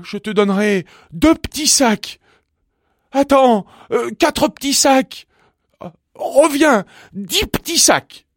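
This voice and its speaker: A man doing a shrill, grumpy bumblebee. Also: lively intonation, takes it slowly, no echo, studio quality, full character voice. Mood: pleading. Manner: shrill, squealing and pleading. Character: grumpy greedy male bumblebee. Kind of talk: storybook character voice.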